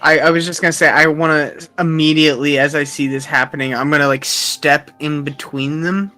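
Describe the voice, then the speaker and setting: Bright, higher-pitched male tabletop player. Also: steady tone, a little fast, faint music behind. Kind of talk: casual role-play chat, describing his character's actions.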